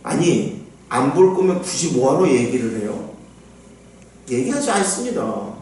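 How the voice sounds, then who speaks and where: A man preaching a sermon as pastor, animated and acting out the voices he quotes. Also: a little high, measured pace, a little hiss or hum. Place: church sanctuary. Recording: echoey church hall, mic at a distance.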